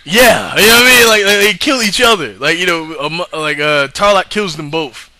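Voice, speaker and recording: A man's voice: high-pitched, normal speed, sharp tone, dry recording. A man casually recapping an episode in a rambling, slangy way, swearing freely and often asking "you know what I mean?". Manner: profane, slangy. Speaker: show reviewer.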